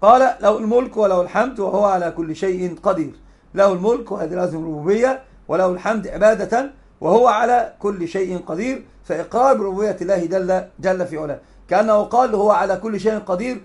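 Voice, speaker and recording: A man's voice: high voice, fast. A man giving a religious lesson, emphatic and repeating key phrases as he explains texts. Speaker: sheikh teaching hadith.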